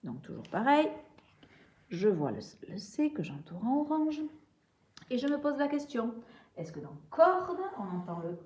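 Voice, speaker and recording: Young woman teacher, lively, slightly high voice, slow and patient, dull lo-fi home recording. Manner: patient, step-by-step, repeats sounds slowly. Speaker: primary school teacher. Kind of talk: remote reading and handwriting lesson.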